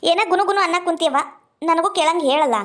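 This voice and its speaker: A woman with a North Karnataka Kannada accent, performing lively, scolding village banter in a comedy skit. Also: very high voice, fast.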